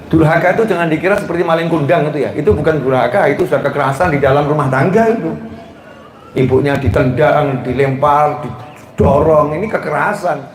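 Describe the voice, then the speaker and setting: Man, preacher, lively sermon, joking, bursts into shouts, slightly high voice, echoey hall. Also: a little fast. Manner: animated, joking, often rises to laughing shouts. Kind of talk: lively sermon to a live audience. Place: gathering hall with an audience. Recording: roomy hall echo, faint background noise.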